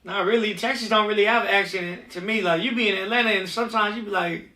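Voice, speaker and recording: A man's voice: high voice, steady tone, fast, pushed and bright, distant mic. A man from California, a recording artist, talking as a guest in a casual interview, telling loose slangy stories and acting out the voices of people he quotes. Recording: roomy sound, voice set back from the mic.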